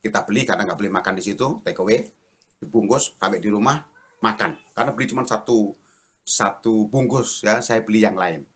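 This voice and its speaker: A middle-aged male pastor preaching a sermon, telling a story and acting out the dialogue in raised voices. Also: fairly quick. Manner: lively storyteller, acts out dialogue in high voices.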